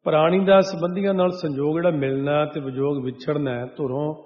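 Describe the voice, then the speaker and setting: A man preaching a sermon who slips from slow, melodic chanting of scripture into plain spoken explanation. His voice sits a little high for a man. It rings out with a long echo through a big hall, and the recording sounds dull and lo-fi. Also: steady tone.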